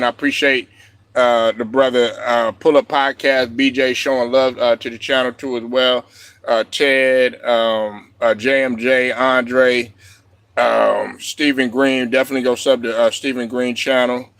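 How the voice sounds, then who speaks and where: A man hosting a livestream, ranting loudly and profanely and laughing as he goes. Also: medium pitch, dry recording. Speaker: streamer host. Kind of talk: livestream rant.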